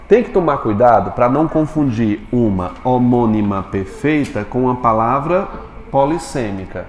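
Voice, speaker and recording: A man's voice: on the high side, a little hiss or hum. Man teaching a class in an echoey room. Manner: quizzing students with rapid questions. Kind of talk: classroom Portuguese lesson.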